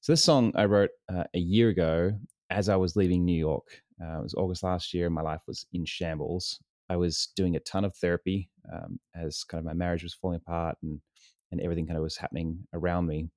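Very deep-voiced Australian man. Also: fairly even intonation, fairly quick, darkish tone, no room sound, clean studio sound. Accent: Australian, softened toward American. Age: 30s. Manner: earnest and reflective. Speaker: guest singer-songwriter. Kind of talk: casual interview chat.

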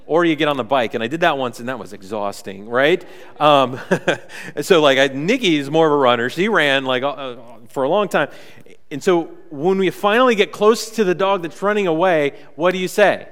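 A man preaching a sermon, chatty and joking, with lots of fillers and animated storytelling. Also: on the high side, moderate pace. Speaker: pastor. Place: church hall. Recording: reverberant church hall.

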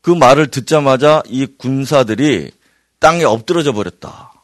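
A male pastor delivering an evening prayer-meeting sermon, swinging between loud emphatic bursts and hushed near-whispers. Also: mid-range voice, expressive, normal speed, no echo, studio quality. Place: church hall.

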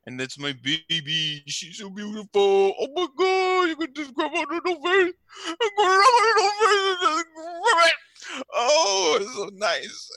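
A scheming cat-video manager, played by a man squeals and giggles in baby talk over his pet. His bright, lively voice swoops up and down. It is recorded close and dry. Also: mid-range voice, unhurried, dry recording. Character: sleazy excitable male cat-video manager. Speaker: guest. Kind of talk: improvised comedy role-play.

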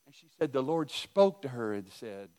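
A middle-aged male pastor preaching a sermon, telling stories and swinging from hushed asides to loud outbursts. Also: mid-range voice, very animated, moderate pace, smooth.

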